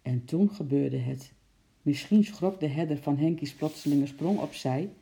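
A reader telling a children's story in a steady, unhurried way. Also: mid-range voice, gravelly.

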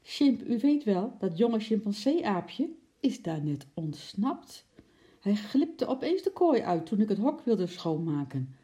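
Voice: medium pitch, sing-song, slow, mellow, pitched above the performer's own voice. A reader voicing a flustered, stout male zookeeper in a storybook reading, stammering and out of breath, then gloomy. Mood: distressed.

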